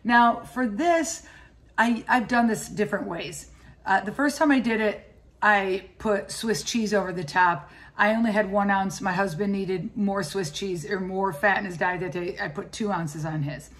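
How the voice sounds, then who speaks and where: A woman's voice: medium pitch, unhurried. A woman in her fifties, a cooking vlogger, chatting enthusiastically to the camera as she gives practical grocery and recipe tips. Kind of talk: casual shopping and cooking walkthrough. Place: indoors at home and in a grocery store.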